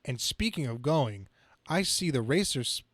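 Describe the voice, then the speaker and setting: A man's voice: mid-range voice, animated, moderate pace, fairly bright tone, no room sound. A man reading the part of Spider-Man, a brash, quippy young superhero, in an amateur comic-book reading, stumbling over the script now and then. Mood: flippant, wisecracking.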